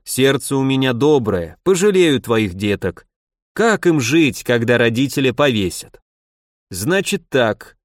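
A man's voice: medium pitch, dry recording, studio quality, natural voice. A man voicing a stern, imperious police chief who scolds and commands, in an audiobook reading.

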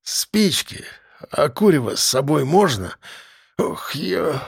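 A man voicing a hungover, whiny drunk man suspected of murder, with a raspy, slurred voice. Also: on the high side, sing-song, slow pace, heavily acted.

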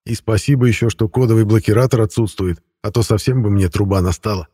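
A man's voice: fairly low pitch, fast, dark tone, slightly rough, no echo, studio quality. A man narrating a first-person fantasy audiobook in a wry, conversational manner.

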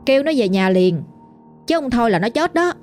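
Dead grandfather in a dream, as a woman reads him, urgent, commanding, mellow voice. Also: fairly high pitch, sing-song, brisk, faint music behind.

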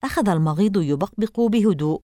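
Woman, audiobook narrator, expressive, lively pitch, dry close sound. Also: quick pace, no room sound.

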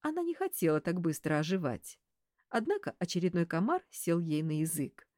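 A woman narrating an audiobook in an expressive, animated way. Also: on the low side, brisk, no echo, clean studio sound. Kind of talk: audiobook reading.

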